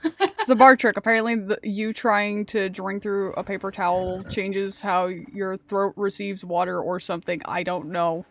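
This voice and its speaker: A woman streamer chatting casually and excitably with friends while playing a pirate game, often laughing. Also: medium pitch, moderate pace, gravelly, few pauses. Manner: giggly, scattered, excitable. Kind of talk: casual gaming chat.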